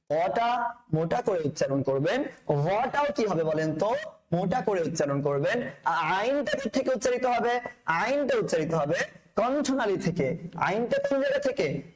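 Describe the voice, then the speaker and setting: Man teaching letter pronunciation, high and animated, calls the learner sir, playful. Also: low-quality recording. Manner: drills letters by repeating them, addresses the learner as sir, playful asides. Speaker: Quran reading teacher. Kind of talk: recorded lesson on Arabic letter pronunciation.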